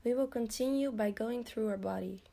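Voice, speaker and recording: A woman guiding a progressive muscle relaxation exercise in a slow, soothing, instructional way. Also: on the high side, vocal fry, mellow. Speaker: relaxation guide.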